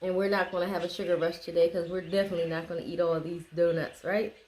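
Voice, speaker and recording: A woman speaks at a brisk clip as she hosts a casual taste test. She chats to the camera and the people with her, over faint background noise. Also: on the low side, level tone, a little mellow. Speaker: host of a family food taste test. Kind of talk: casual chat to camera and companions.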